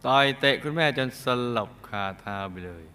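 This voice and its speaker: A man's voice: mid-range voice, lively intonation, normal speed, sharp tone, clean tone. A man telling a dramatic true-life karma story as a host, with playful asides.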